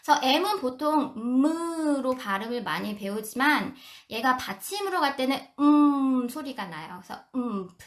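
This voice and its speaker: A woman teaching English phonics to parents on a live stream, explaining and slowly demonstrating sounds. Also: high voice, expressive.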